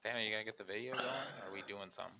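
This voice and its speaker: A man's voice: lowish voice, racing, bright, forceful tone. A man hosting a casual podcast with friends, laid-back and joking. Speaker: podcast host. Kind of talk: casual group chat on a voice call.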